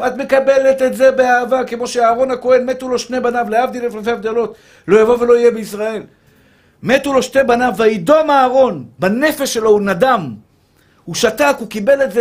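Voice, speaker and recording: Brief: man preaching a fervent sermon, voice pitched very high, calls his listeners brother. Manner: impassioned, addresses listeners as brother and pure soul.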